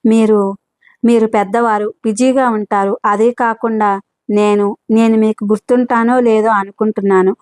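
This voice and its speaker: A humble young woman in grief, soft and modest in speech, as the narrator voices her in a storybook. The pitch sits fairly high and the sound is dry and close. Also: steady tone, moderate pace, dry recording, close to an everyday voice.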